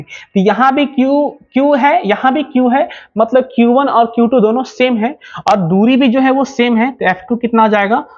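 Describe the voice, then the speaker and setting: A man teaching physics at a board, explaining slowly and over and over, asking questions and answering them himself. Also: extremely high pitch. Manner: keeps asking and answering his own questions; slow, repetitive explaining. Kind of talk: whiteboard lecture. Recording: slightly dull lo-fi sound.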